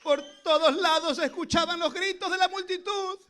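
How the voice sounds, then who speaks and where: Male pastor, unusually high and bright tone, preaches with passion and frequent shouted peaks. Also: steady tone, normal speed, slight background noise. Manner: impassioned, rising to shouted exclamations. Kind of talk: Pentecostal sermon. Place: church service.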